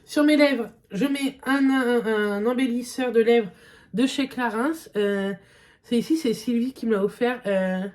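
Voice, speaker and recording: A young woman with a medium-pitched, somewhat dark voice chats through a makeup test for her beauty vlog. The talk is casual and halting, full of filler words.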